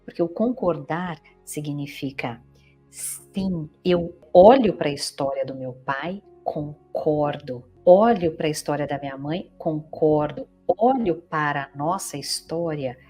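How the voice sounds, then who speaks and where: A woman's voice: low voice, a little slow, mellow, breathy edge, faint music behind. A woman with a Brazilian Portuguese accent, a psychologist giving an explanatory teaching talk, patiently checking in with her listeners as she goes. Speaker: psychologist and family constellation teacher.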